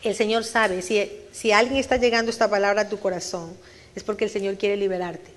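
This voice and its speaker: A woman's voice: medium pitch, fairly even intonation, a little fast. A woman preaching a sermon at a church service, earnestly questioning her listeners and repeating phrases for emphasis. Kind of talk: Spanish-language sermon.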